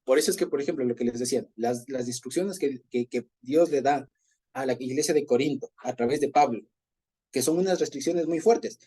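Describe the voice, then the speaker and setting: A man's voice: medium pitch, brisk, mellow, breathy edge. A man with an Ecuadorian accent teaching an informal Bible study, talking conversationally, chuckling often and checking in with his listeners. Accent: Ecuadorian Spanish.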